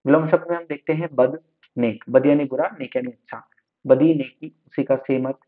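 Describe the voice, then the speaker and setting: A man's voice: medium pitch, fairly even intonation, moderate pace. A slightly unwell man teaching an online exam-prep lesson, repeating each word to drill it. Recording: tinny phone-like sound.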